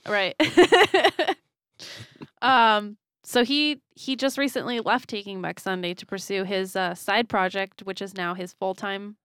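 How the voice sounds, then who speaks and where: Chatty young woman pitching bands. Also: fairly bright tone, smooth, no echo, studio quality. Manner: chatty, laughing often, brisk pitch patter. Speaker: music publicist. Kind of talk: casual interview, pitching bands.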